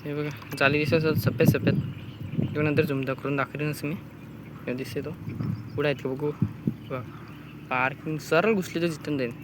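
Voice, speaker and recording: A man's voice: fairly high pitch, fairly even intonation, moderate pace, pauses often, very noisy. A man vlogging casually outdoors while checking crab nets by the water, chatting to viewers and pointing things out as he films on a phone.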